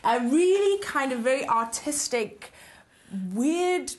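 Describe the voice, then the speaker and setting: A woman's voice: sits high, animated, takes it slowly, noisy background. A woman in her thirties talking nervously and self-consciously on a reality TV show. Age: 30s. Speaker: show participant. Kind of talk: reality TV conversation.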